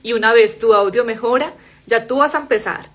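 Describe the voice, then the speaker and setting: A young Spanish-speaking woman teaching a live English pronunciation class, explaining in Spanish and modeling English words slowly and softly. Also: on the high side.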